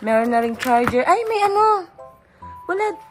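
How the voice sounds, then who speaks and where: Young woman vlogger from the Philippines, worn-out tired voice, excitable and teasing, phone-held, light background music. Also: very high voice, moderate pace. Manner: excitable, laughs and teases a lot. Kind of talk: casual vlog chat. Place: messy bedroom at home.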